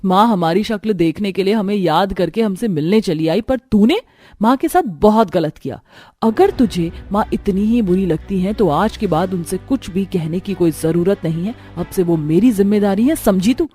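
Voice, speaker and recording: A woman's voice: medium pitch, animated, normal speed, warm tone, soft background music, natural voice. A woman voicing a poor, hardworking young daughter in a cartoon story who cares for her mother. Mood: indignant. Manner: caring but firm, scolding when angered.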